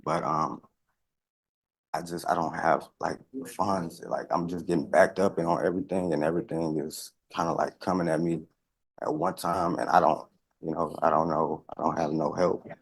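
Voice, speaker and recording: A man of about thirty from California, answering a judge in a courtroom in a halting, pleading way. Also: rumbling low, level tone, vocal fry, slightly rough. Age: 30s. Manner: halting, many fillers, pleading. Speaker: defendant. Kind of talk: courtroom testimony.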